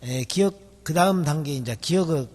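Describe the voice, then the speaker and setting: A man's voice: on the high side, moderate pace, a little mellow. A male instructor teaching a memory technique in a recorded video lecture, explaining step by step with many fillers. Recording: long hall reverb.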